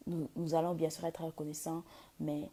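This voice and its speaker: A woman in giving an informal devotional exhortation as a worship leader, speaking haltingly and slipping into English at times, with a husky, breathy voice. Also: low-pitched, flat delivery, warm tone. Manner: hesitant French, slipping into English mid-talk. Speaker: worship leader inviting people to a praise event.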